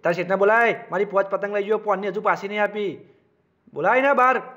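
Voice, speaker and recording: A man playing a brash young man who loudly and bossily demands his kites back in a comedy sketch. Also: high voice, fast talker, lo-fi sound. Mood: demanding. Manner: loud, bossy, quarrelsome. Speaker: comic actor. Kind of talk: rustic slapstick comedy sketch.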